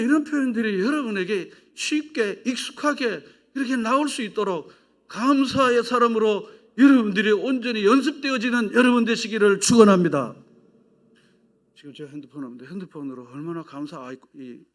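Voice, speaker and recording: A male pastor preaching a sermon, shifting between loud exhortation and hushed whispers, asking the congregation questions and leading them in repeating phrases. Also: high-pitched, fairly quick. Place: church sanctuary.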